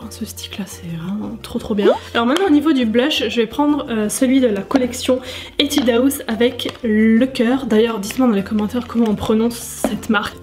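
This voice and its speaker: A chatty woman talks straight to her viewers as she tries out makeup, her voice sitting a little high and scattered with fillers. Soft music runs faintly behind her. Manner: chatty, many fillers, addresses viewers directly. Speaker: beauty vlogger. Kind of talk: casual makeup tutorial chat.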